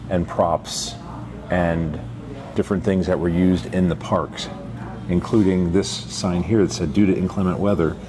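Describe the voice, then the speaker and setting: A man hosting a vlog, giving an enthusiastic, exclamatory walkthrough of a large antique store on a handheld camera mic. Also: sits low. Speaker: vlog host. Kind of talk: casual walkthrough narration. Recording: noisy handheld store recording.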